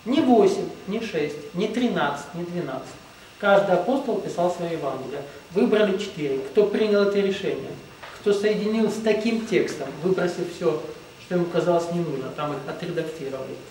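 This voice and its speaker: A man's voice: sits high, fairly quick, darkish tone, a little hiss or hum. A man giving a rambling, emphatic spiritual lecture, often saying "well, let's say". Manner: rambling, emphatic, repeats "ну, допустим". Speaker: spiritual teacher. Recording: echoey room, distant mic.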